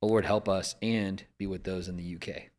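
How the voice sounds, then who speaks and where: A man with a deep, low voice hosts a relaxed discussion. He talks in a measured, reflective way, often trailing off and picking his thread back up. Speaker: podcast host. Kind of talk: casual discussion.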